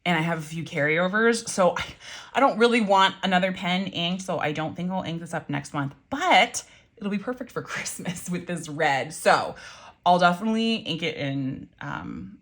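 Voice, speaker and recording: Her voice sits on the low side yet sounds fairly bright and expressive, moving at a moderate pace. She's a pen and ink reviewer in a chatty, meandering vlog, correcting herself, saying um a lot, and adding wry, mildly sweary asides.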